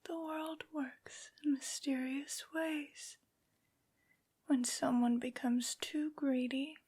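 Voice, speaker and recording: A woman voicing a haughty, vengeful aristocratic vampire lady in an ASMR roleplay, in a breathy whisper with taunting, mockingly sweet phrasing. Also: high voice. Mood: gloating, vengeful.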